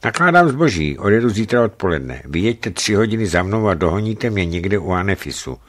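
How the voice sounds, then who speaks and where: A man's voice: lowish voice, sing-song. A man voicing a blunt, confident veteran ex-legion sergeant turned trader in a radio book reading. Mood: confiding.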